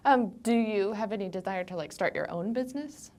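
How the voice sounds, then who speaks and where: A woman interviewing, asking questions gently and rephrasing them to help the speaker understand. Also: mid-range voice, a little fast. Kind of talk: oral history interview.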